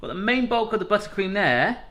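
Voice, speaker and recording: In a casual home cooking vlog, the male host jokes around as he walks through every baking step in his kitchen. He talks a little fast in a high, sing-song, pushed and bright voice, recorded in an echoey room with faint noise.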